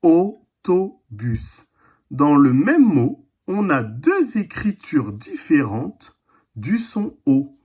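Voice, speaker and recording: A teacher records a reading lesson for young children, pacing each word very slowly and repeating it for the class. The voice is husky and a little breathy, and the pitch rises and falls in a lively, sing-song way. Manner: slow, deliberate, repeats and stretches words. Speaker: primary school teacher.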